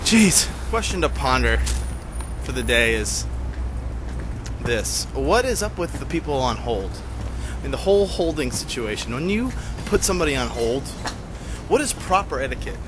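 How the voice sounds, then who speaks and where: A man's voice: mid-range voice, very animated, moderate pace, pauses often. A man in his thirties filming himself at arm's length, giving sarcastic running commentary on a road trip. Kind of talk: casual vlog narration to camera. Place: city streets outdoors, later inside a truck cab at night. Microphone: handheld camera at arm's length. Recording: noisy street and traffic background.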